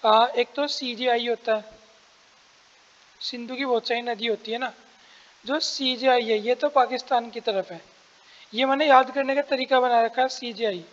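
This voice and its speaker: Throat-clearing man teaching exam prep. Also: very high voice, fairly even intonation, moderate pace, pauses often, fairly bright tone, long reverb tail, dull audio. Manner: explains step by step, asks and answers his own questions; clears his throat often.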